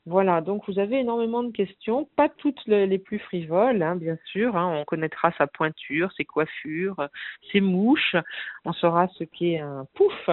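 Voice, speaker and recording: A woman's voice: fairly low pitch, animated, moderate pace, no room sound. A woman talking on a radio show about books by phone, chatty, with many fillers and restarts. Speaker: book reviewer and blogger. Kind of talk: casual radio chat on the phone. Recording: phone-line sound.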